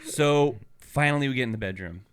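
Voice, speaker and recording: A man co-hosting a podcast, telling a rambling story in a casual, animated way with a lot of swearing. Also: medium pitch, a little fast, clear, resonant tone. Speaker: podcast co-host.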